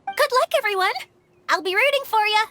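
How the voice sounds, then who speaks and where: A woman voicing a timid, dramatic young mascot who is quick to cry, flustered and melodramatic, in a game cutscene. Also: extremely high pitch, pushed and bright, slight background noise. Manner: flustered, melodramatic, swings between meek and bold.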